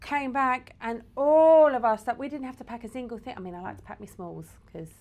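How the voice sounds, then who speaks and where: A woman's voice: fairly high pitch, brisk, darkish tone. A woman from England, co-hosting a casual, teasing podcast chat at home. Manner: chatty, laughing, teasing. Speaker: podcast co-host. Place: home in the UAE.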